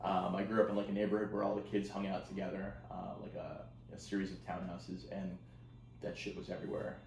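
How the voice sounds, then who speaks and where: A man's voice: sits low, monotone, a little fast, creaky, recorded from a distance. A man co-hosting a podcast, chatting casually with wry, crude jokes and bursts of laughter. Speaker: podcast co-host. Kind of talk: casual chat. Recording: echoey room, somewhat off-mic, faint noise.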